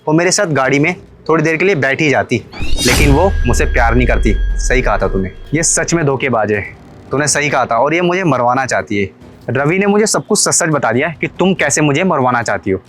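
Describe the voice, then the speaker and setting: A man's voice: mid-range voice, animated, brisk, fairly bright tone, lightly acted. A man voicing a suspicious young husband in a cartoon story, pleading and questioning, then accusing, with faint music behind him. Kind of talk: Hindi cartoon story dubbing.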